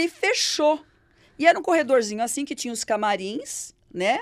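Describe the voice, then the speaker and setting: A middle-aged Brazilian Portuguese woman telling stories in an interview, animated and acting out the voices of the people she quotes. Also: sits high, no room sound, studio quality. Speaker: interview guest. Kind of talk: storytelling in an interview.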